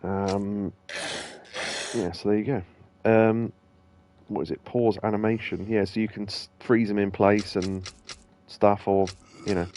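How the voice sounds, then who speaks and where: A man's voice: lowish voice, fairly even intonation, unhurried, a little mellow, slight background noise. A man casually talking through a video game he is playing, rambling loosely with lots of ums and restarts. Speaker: gaming streamer and host. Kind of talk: casual let's-play commentary.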